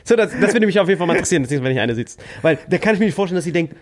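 A man's voice: high voice, lively intonation, rapid-fire. A man, co-hosting a podcast, telling a crude comic story in slang and acting out other people's lines in mock voices. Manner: crude slang-heavy banter. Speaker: podcast co-host. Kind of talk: animated comedic storytelling.

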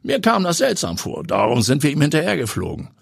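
A man voicing a confident, daring journalist and pilot who speaks in a brisk, energetic, self-assured way. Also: fairly high pitch, vocal fry, slightly rough, no echo, studio quality, pitched above the performer's own voice, exaggerated voice. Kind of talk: audiobook character voice.

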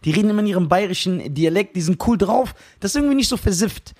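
A young man co-hosting a casual podcast, telling a story with animated retellings and frequent laughs. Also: high voice, quick pace. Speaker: podcast co-host.

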